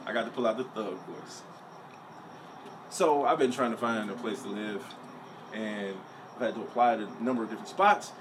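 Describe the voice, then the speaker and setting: A young adult man doing a profane, conversational stand-up comedy set on stage. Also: medium pitch. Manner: profane, conversational, punchline-driven. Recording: distant, noisy stage recording.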